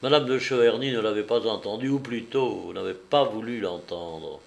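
A man narrating a classic novel in a measured audiobook reading. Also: lowish voice, gravelly.

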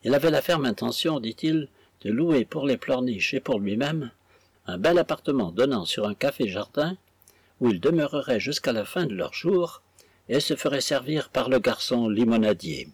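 A man narrating a classic novel as an audiobook, in a measured storytelling manner. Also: mid-range voice, lively intonation, slightly rough, no room sound.

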